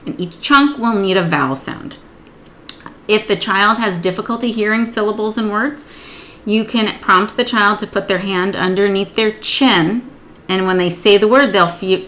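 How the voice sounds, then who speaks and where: A woman literacy instructor explaining a spelling procedure step by step, patiently modeling words and sounds slowly. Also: medium pitch, a bit bright.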